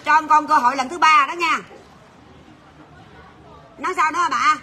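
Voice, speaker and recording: Woman, high voice, blunt joking livestream seller, busy shop with chatter and noise behind. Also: bright, forceful tone. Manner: rapid, blunt teasing banter with staff, laughing often. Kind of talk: livestream sales chat.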